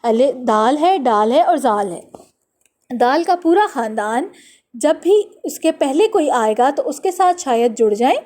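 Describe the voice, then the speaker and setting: A woman teaching an Urdu phonics lesson to young children, sounding out letters and words slowly and clearly, with a Pakistani Urdu accent. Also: high voice, lively intonation, darkish tone. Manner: slow, drawn-out letter-by-letter sounding out.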